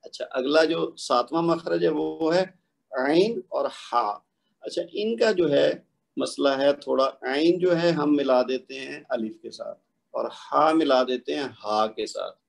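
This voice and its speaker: A man teaching a tajweed lesson, explaining patiently and slowly demonstrating each letter sound. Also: on the high side, creaky. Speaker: Quran recitation teacher.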